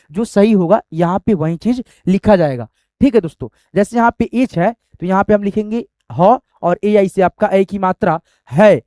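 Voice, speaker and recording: A man's voice: high-pitched, a little mellow, dry recording, clean studio sound. A man teaching a language lesson, repeating himself and often checking with "okay" and "friends".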